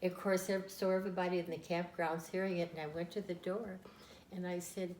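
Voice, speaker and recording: A woman's voice: fairly low pitch, flat delivery, fairly quick, a little mellow, a little hiss or hum. An older woman chatting fondly as she tells family stories, often laughing at her own tales. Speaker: interviewee. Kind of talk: casual family storytelling. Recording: echoey room with faint ambience.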